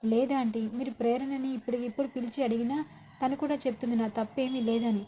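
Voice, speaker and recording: A woman's voice: fairly high pitch, fairly even intonation, fast, mellow, a little hiss or hum, close to an everyday voice. A woman voicing a young man begging a family to believe his honesty, in a spoken serial recap. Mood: pleading. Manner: begging, insistent.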